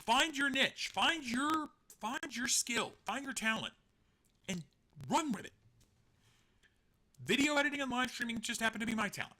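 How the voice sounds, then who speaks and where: With a very high, animated, sharp-toned voice at a moderate pace and long pauses, this online show host rambles casually on a live stream. He jokes at his own expense, laughs a lot, and swears occasionally.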